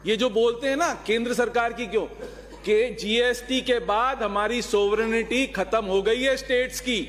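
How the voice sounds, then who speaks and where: A man's voice: very high voice, normal speed, a bit bright. A male legislator giving an argumentative floor speech in an assembly hall, posing rhetorical questions and mixing in English phrases. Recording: long reverb of a large hall.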